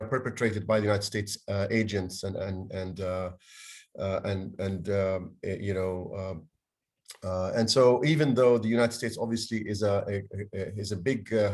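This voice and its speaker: A man from Haifa speaks in a fairly low voice, lecturing over a video call. He talks haltingly, with frequent fillers and restarts as he gathers his thoughts. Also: a little mellow. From Haifa, Palestine/Israel. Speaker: guest lecturer. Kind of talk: online lecture talk.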